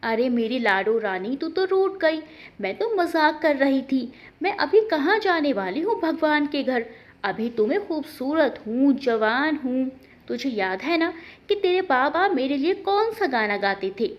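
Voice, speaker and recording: A woman's voice: high voice, lively intonation, unhurried. A woman voicing a sixty-five-year-old grandmother who soothes and teases her granddaughter. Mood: affectionate. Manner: soothing, affectionate. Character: elderly grandmother, tender and teasing.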